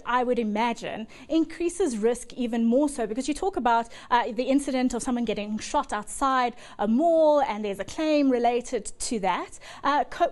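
Brisk TV presenter woman. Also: a little high, a little mellow. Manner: brisk, probing. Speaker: TV business presenter. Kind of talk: studio interview questions. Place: TV studio.

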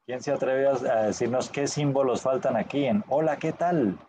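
A man's voice: mid-range voice, normal speed, warm tone, a little hiss or hum. A man teaching a Spanish class online in a patient way, often checking in with short questions.

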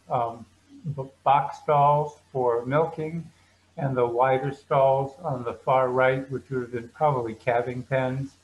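A man's voice: mid-range voice, highs cut off. A man guiding viewers through a slideshow tour of a museum building, explaining at an easy pace with frequent ums.

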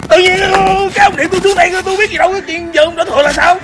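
A man's voice: very high-pitched, fairly even intonation, rapid-fire. A man playing a panicky, easily frightened young woman in a comedy prank skit, stammering and repeating words. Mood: panicked. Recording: loud music and crowd noise behind.

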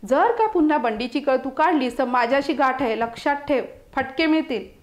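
A woman's voice: sits high, animated, normal speed. A woman doing a scolding, doting housewife. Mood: stern. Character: scolding but doting housewife, cat's owner.

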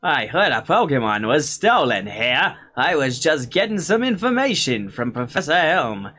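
A man's voice: fairly high pitch, very animated, moderate pace, bright, forceful tone, faint music behind, voice pushed up, heavily acted. A man voicing an officious adult male police officer in a video game, formal and inquiring. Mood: questioning.

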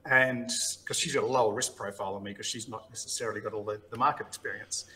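A man, a podcast guest telling lively stories and acting out what others said. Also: on the low side, fast, rough recording. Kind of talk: casual interview storytelling.

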